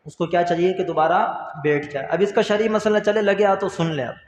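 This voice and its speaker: Earnest male religious teacher in echoey hall. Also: high voice. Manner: asks questions and answers them himself, repeats key points; earnest, addresses listeners as brother. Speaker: Islamic teacher. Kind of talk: religious instruction lesson. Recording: echoey hall with long reverb.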